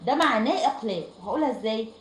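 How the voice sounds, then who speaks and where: A Quran recitation teacher with an Egyptian Arabic accent runs an online group lesson over voice chat from a room at home, explaining step by step and frequently asking "right?" Her voice is fairly high, expressive and quick. The sound is echoey with faint noise.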